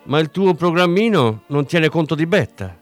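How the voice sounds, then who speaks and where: A man's voice: fairly high pitch, lively intonation, normal speed, soft background music, pitched above the performer's own voice, natural voice. A man doing a hard, furious cop. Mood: cold menace. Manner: cold, cutting threats. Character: hard, angry male police officer.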